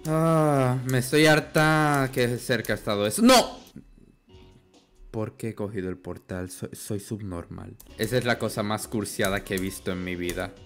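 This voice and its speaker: Excitable gamer, worn-out voice. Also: male voice, fairly low pitch. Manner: excitable, swings from mumbling to yelling. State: voice worn out from talking. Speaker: gaming youtuber. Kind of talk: casual gameplay commentary.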